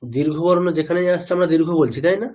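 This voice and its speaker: A male teacher, teaching an online chanting class over a video call, patiently checking that students follow and modelling each pronunciation slowly. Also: fairly high pitch, darkish tone. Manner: patient, keeps checking understanding with tag questions.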